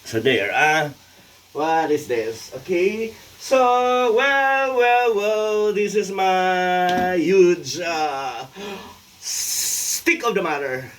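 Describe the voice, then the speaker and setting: Filipino guy in his 40s rambling slowly to camera, lots of uhs, mic kinda far off, faint room hum. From Philippines. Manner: halting, full of fillers, playful, animated swings in pitch. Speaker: vlogger and tax consultant. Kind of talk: rambling solo vlog.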